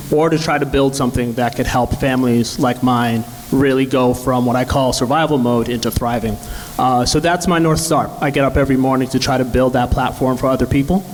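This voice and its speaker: A man from Zambia, a startup founder, speaking earnestly and reflectively on a panel. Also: mid-range voice. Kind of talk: panel discussion answer. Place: event hall. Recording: reverberant hall with faint hiss.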